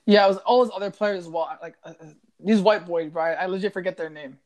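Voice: mid-range voice, fast talker, crowd noise. A podcast co-host chatting loosely about sports, full of fillers like bro and like. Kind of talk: casual sports podcast chat.

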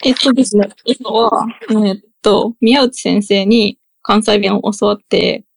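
Woman host, casual chat, lots of um and uh, bit of vocal fry, dry close sound. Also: medium pitch, steady tone, measured pace, no room sound. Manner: hesitant, many fillers. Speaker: podcast host.

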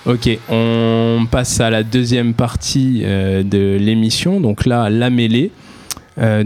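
A man with a French accent hosting a casual quiz, relaxed and chatty, with many fillers. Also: fairly low pitch. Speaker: quiz host. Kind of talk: casual quiz show chat.

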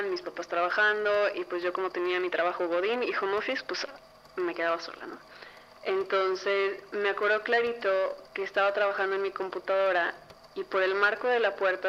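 A young Mexican woman tells a spooky personal story in a loose, chatty way, her voice bright and forward. The recording is dull and lo-fi, with a faint hiss underneath. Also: mid-range voice. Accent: Mexican Spanish. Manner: chatty, lively, full of fillers. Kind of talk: casual spoken ghost story.

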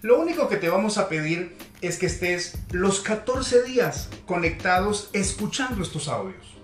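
A man's voice: big pitch swings, moderate pace. Peruvian-born man with roomy echo. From Peru. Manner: warm greetings, sweeping pitch emphasis on lists of address. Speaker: podcast host and communication coach. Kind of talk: motivational audio course narration. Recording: roomy echo with faint music.

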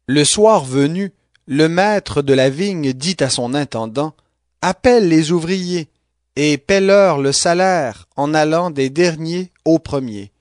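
A man reading scripture aloud in a calm, even way. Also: on the high side, no echo, studio quality. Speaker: Bible reader.

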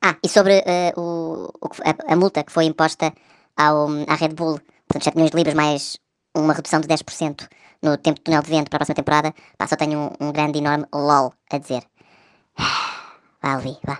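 A man's voice: a little high, flat delivery, clean tone. A man with a European Portuguese accent gives a casual, wry review in a voice message that is played back sped up into a chipmunk voice. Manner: chatty, wry, many fillers. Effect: sped-up chipmunk voice from a fast-played voice message. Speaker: podcast listener sending a voice message.

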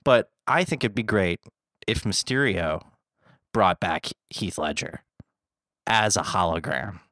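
A man's voice: deep voice, slow, long pauses, fairly bright tone, no room sound, studio quality. A man co-hosting a casual podcast chat, rambling with fillers and laughing easily. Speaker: podcast co-host.

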